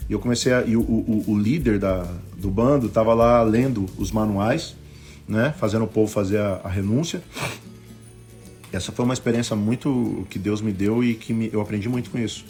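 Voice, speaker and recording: A man with a Brazilian Portuguese accent, a bishop preaching a sermon on a live stream, telling stories and acting out the voices in them, swinging between loud bursts and hushed asides. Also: fairly low pitch, moderate pace, faint music behind. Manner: acts out quoted voices in his stories.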